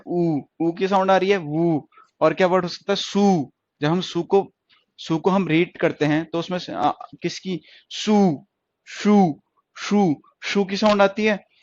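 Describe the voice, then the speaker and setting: A man's voice: high voice, dry recording. A man teaching stenography in a lecture, who stretches out long vowel sounds for his students and keeps checking that they follow. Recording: dry, dull lo-fi recording.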